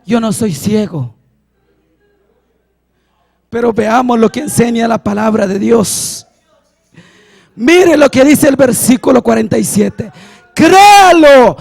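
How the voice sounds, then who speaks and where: A young man preaching a passionate sermon, often shouting and drawing out his words for emphasis. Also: very high voice, creaky. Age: young adult. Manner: impassioned, often shouting, slow drawn-out emphasis.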